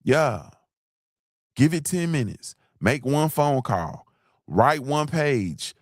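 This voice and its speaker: A man's voice: mid-range voice, sing-song, slow, dry recording, clean studio sound. A man hosting a morning show, giving fired-up motivational talk and repeating lines for emphasis. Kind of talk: motivational live-stream talk.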